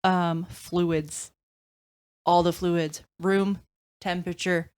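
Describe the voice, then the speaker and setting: A woman who runs a tabletop game talks casually, wandering through her point with plenty of ums. Her voice sits on the lower side for a woman. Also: level tone, slow pace, a little mellow, smooth. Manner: rambling with many fillers. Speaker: game master. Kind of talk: casual podcast chat.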